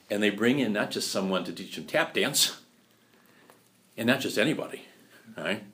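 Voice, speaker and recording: A male lecturer with a low voice that rises and falls widely as he talks. He is chatty and animated, prodding his listeners with rhetorical questions and laughing easily. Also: measured pace. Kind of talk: lecture on musical theater history.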